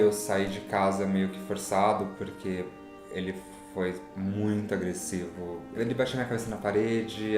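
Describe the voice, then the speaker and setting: A man speaks reflectively and with some hesitation, his voice low. Guitar music plays clearly behind him in an echoey room. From São Paulo, Brazil. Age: 20s. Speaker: interviewee. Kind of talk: personal testimony.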